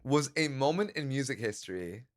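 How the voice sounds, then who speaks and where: A man with a middle-pitched voice chats casually as a livestream guest. He is an attentive conversational partner who often murmurs agreement. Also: expressive, fairly quick, a little hiss or hum. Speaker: guest co-host on a stream.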